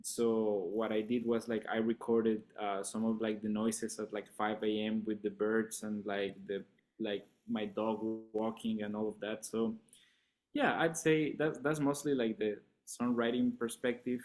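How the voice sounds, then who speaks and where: A man from Colombia, a guest musician in a casual interview chat, relaxed and laughing often, talking with many fillers. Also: fairly low pitch, unhurried.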